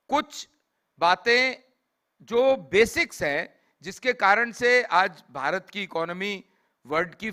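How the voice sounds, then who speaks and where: A man with a hoarse, sore throat giving a formal speech at a business summit, measured and explanatory, sometimes coughing and slipping into English phrases. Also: high-pitched, sharp tone. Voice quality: coughs now and then.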